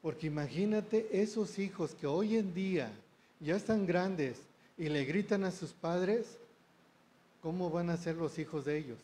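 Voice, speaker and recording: Preacher guy, slow and mellow, keeps asking the church stuff as he goes. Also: high-pitched. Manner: slow, addresses the congregation with rhetorical questions. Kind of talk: sermon.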